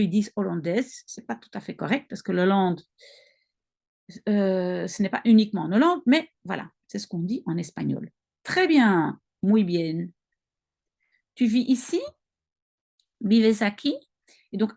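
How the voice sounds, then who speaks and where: A woman with a Belgian French accent, reading practice sentences slowly and carefully, explaining and correcting herself as she goes. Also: mid-range voice, gravelly, a little mellow. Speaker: language-learning video host. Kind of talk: reading practice dialogue aloud.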